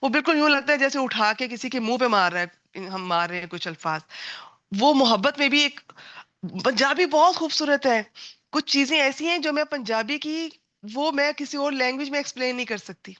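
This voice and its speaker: A woman's voice: sits high, animated, bright, forceful tone, no room sound, lo-fi sound. A middle-aged woman from Pakistan, a native Punjabi speaker, teaching a Quran grammar class in an earnest, digressive way, mixing in English words. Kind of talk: online class lecture.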